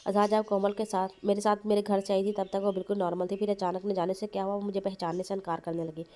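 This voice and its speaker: A woman's voice: medium pitch, level tone, fast talker, warm tone, natural voice. A woman reading a worried young man. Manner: troubled, explanatory.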